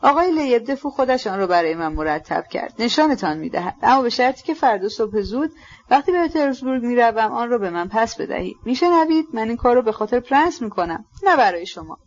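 A woman's voice: a little high, lo-fi sound. A woman voicing a feverish, desperate young man. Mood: agitated. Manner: urgent, excited, pleading.

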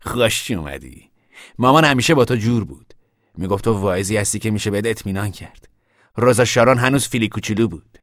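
A man's voice: on the low side, lively intonation, no echo, clean studio sound, close to an everyday voice. An actor playing an earnest young male drifter in a radio drama, speaking in an insistent way. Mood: welcoming. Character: young male drifter, stubborn yet hopeful.

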